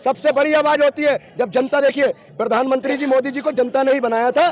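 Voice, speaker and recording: Argumentative man with a very high voice. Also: fairly even intonation, brisk. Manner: argumentative, fires rhetorical questions. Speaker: debate participant. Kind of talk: heated street debate.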